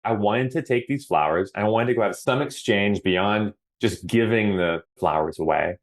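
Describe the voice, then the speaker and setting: A middle-aged man from Hawaii, a podcast guest telling his story in an earnest, reflective way. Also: on the low side. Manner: earnest and reflective, often slows down to stress words. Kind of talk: casual interview answers.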